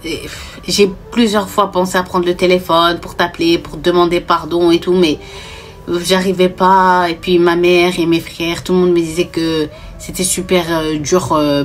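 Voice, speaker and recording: Woman storyteller, lively and chatty, voicing every character herself, faint background music. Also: medium pitch. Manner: animated, acts out dialogue, mixes in Arabic words. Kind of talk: casual storytime narration.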